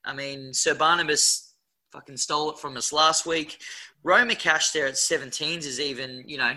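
A man's voice: a little high, normal speed, bright, forceful tone. An Australian man co-hosting a horse racing preview as a tipster, chatting casually in a blokey, slangy way.

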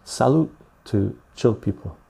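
A man hosting a casual live stream into a clip-on lapel mic, chatting to viewers in a chill, husky, gravelly voice. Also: lowish voice, warm tone. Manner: chill, unhurried talk addressed to viewers. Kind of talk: casual livestream chat.

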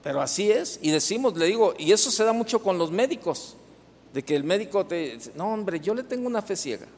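A middle-aged Mexican man preaches in a fairly high voice, telling a story in a loose, conversational way. He breaks off and starts over often and keeps checking in with the congregation. His voice carries a long reverb from the church hall. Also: animated, fairly quick, a little mellow, slight background noise. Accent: Mexican Spanish. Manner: storytelling with many restarts and asides to the congregation. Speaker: pastor. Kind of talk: sermon.

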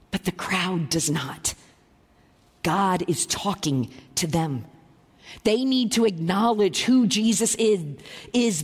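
A woman preaching a sermon, explaining scripture with emphatic, teaching delivery and a husky voice. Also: medium pitch, darkish tone, long reverb tail.

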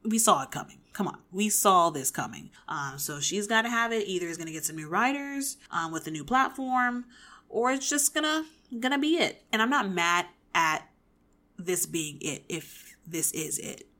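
A woman's voice: fairly low pitch, lively intonation, normal speed, bright, forceful tone. A woman in her twenties hosting a podcast, giving casual pop-culture opinions in an emphatic, opinionated way with frequent restarts. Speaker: podcast host.

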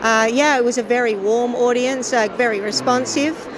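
A woman with a croaky voice, answering casually in an interview as a chorus director and singer. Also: a little high, steady tone, moderate pace, a crowd in the background. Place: busy convention venue. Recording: noisy location recording, busy venue ambience.

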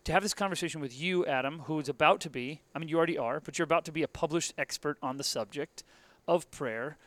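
A man's voice: fairly high pitch, quick pace, a bit bright. An American man hosting a podcast interview in a casual, wry and rambling conversational style. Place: basement room of a convention center.

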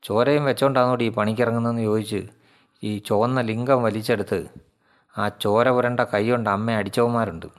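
Low-voiced male storyteller, slow and measured. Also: steady tone. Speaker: narrator. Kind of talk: storytelling narration.

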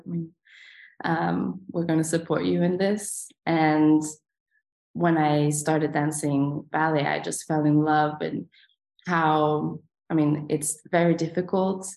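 A woman's voice: sits low, vocal fry, a little mellow. A young adult woman from Sweden, a ballet dancer answering interview questions in a hesitant way, with many fillers.

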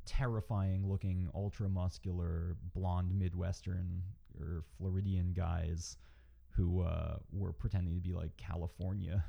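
A man's voice: deep voice, flat delivery, measured pace, creaky, muffled recording. A man co-hosting a casual chat, dropping wry, jokey asides. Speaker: podcast co-host.

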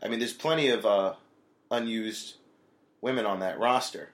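A man's voice: on the low side, normal speed. A man on a casual podcast panel, giving his views thoughtfully with small restarts.

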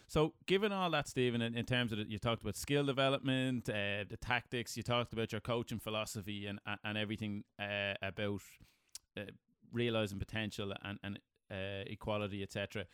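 A man's voice: lowish voice, fairly quick, fairly bright tone, clear, resonant tone, no room sound, studio quality. A man interviewing in a conversational way, hesitant as he circles his way into long questions.

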